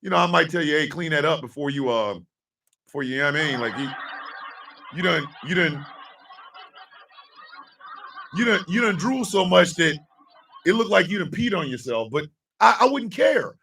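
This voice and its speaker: A man in his fifties hosting a live stream, ranting with profanity and often breaking into shouts. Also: on the high side, very animated, fairly quick, vocal fry, husky, distant mic. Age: 50s. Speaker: host.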